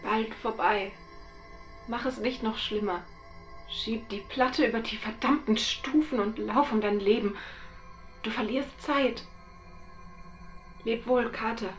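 A woman's voice: on the high side, slow pace, pauses often, faint music behind. A woman reading a horror story and voicing a desperate man trapped underground, who pleads and screams at his friend to flee. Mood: resigned. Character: terrified man trapped in a tomb, calling up by phone.

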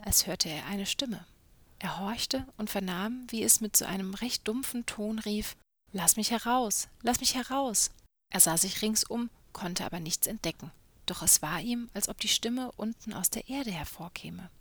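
A woman's voice: medium pitch, a bit bright, no echo. Woman reading a fairy tale aloud. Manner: measured, storytelling. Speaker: storyteller.

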